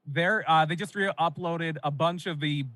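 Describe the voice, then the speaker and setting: A man's voice: fairly high pitch, unhurried, fairly bright tone, rough recording. A man from Pennsylvania co-hosting a wrestling podcast, telling nostalgic stories with lots of fillers. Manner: rambling, nostalgic storytelling with fillers. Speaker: podcast co-host. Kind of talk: casual wrestling podcast chat.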